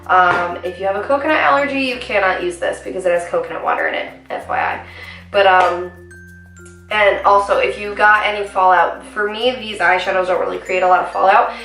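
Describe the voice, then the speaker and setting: A young beauty vlogger with a lowish, slightly raspy voice and fairly bright tone rambles chattily through a casual makeup tutorial, filling pauses with ums. She sits a little back from the camera mic in a small room at home, far from it, giving her voice a roomy echo over faint music.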